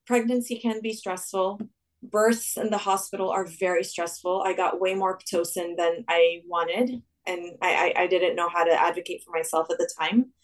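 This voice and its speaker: A woman dentist from Saudi Arabia chatting as an interview guest, animated and full of restarts. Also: fairly low pitch, moderate pace, far from the mic, rough recording. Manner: animated, rambling with many restarts. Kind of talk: casual interview talk.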